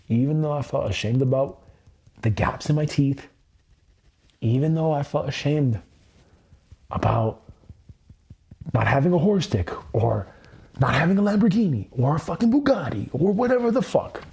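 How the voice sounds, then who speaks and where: On his livestream, a man in his thirties who does EFT tapping repeats sincere self-affirmations over and over, swearing often. His voice is medium-pitched and mellow, with a little hiss or hum in the background.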